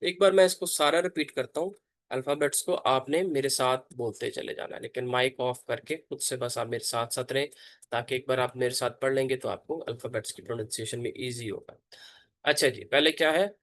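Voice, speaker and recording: A man, a pastor, teaching an online Bible class, slowly pronouncing and repeating letter names for his students. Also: medium pitch, a bit bright, dry recording.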